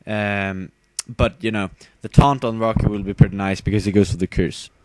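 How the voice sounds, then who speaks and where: A man's voice: fairly low pitch, fairly even intonation, moderate pace. A tired young man casually commenting on his own game battle, rambling with fillers and giggling at himself. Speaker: gamer narrating his battle.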